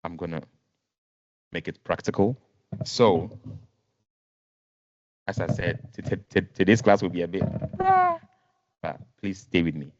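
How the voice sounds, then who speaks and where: A man's voice: sits low, fairly even intonation, measured pace, long pauses, slight background noise. A man teaching a music lesson online, patient, repeating and rephrasing, counting notes aloud. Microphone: video call. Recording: dull lo-fi video call audio.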